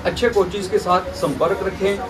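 A man's voice: high-pitched, steady tone, moderate pace, poor audio. A man in his fifties, a gym owner and coach, earnestly giving beginners advice while seated in a small office. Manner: earnest, instructive. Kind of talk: advice to a vlogger. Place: small office with a green wall, indoors.

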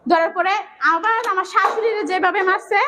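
A woman's voice: very high-pitched, steady tone, fairly quick, pushed and bright, a little hiss or hum. A young woman with an urgently retelling a violent family tragedy, close to tears, quoting others as she goes. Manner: urgent, tearful retelling with quoted dialogue. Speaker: family member of victims. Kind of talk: emotional eyewitness account.

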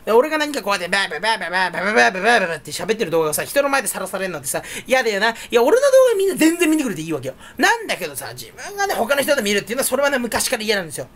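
A man's voice: extremely high pitch, sing-song, racing, hardly any pauses, fairly bright tone. A man talking alone in a casual chat stream, his voice leaping up and down all the time. He rambles from thought to thought, makes fun of himself, and trips over repeated syllables as he plays with words. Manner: rambling, self-mocking, playful wordplay. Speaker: channel host.

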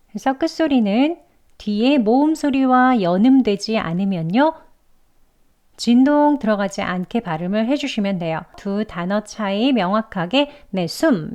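A woman's voice: medium pitch, darkish tone. Patient Korean English-pronunciation teacher, woman. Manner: patient, demonstrates sounds slowly and repeats them. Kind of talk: pronunciation lesson.

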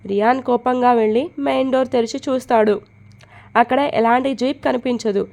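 Woman with a high-ish storytelling voice. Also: fairly even intonation, fairly quick, gravelly, darkish tone. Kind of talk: story narration.

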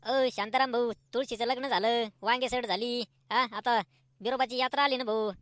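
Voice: medium pitch, steady tone, normal speed, fairly bright tone, no room sound, natural voice. An actor voicing a nosy, teasing village neighbor in a cartoon comedy. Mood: gossiping.

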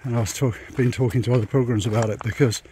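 Out on a rural dirt track, a man fast-talks his way through a casual vlog as he walks a long pilgrimage route, letting his thoughts about his plans wander. He has a mid-range voice and a steady tone. Rural noise runs under the noisy outdoor recording.

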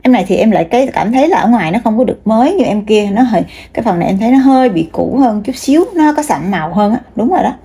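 A woman's voice: a little high, lively intonation, racing, few pauses, dark tone, husky. A woman, showing bags one by one and chatting straight to her viewers, with many fillers. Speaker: online seller. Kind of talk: casual product showcase.

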